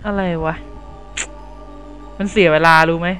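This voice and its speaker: A young man giving crude, jokey commentary over a horror game, swearing loudly at scares and joking to his viewers. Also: high-pitched, steady tone, a little slow, poor audio. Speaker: gameplay commentator. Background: game music.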